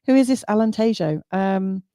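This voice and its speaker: A woman's voice: mid-range voice, lively intonation, normal speed, mellow, no echo, studio quality. A woman producer who is losing her voice, reading viewer comments aloud hesitantly with many fillers.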